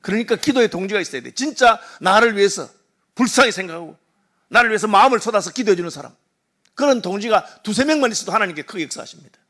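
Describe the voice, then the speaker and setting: High, bright-voiced Korean pastor preaching. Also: male voice, fast talker. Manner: animated storytelling, acting out crowd and mourners. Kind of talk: sermon. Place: church sanctuary.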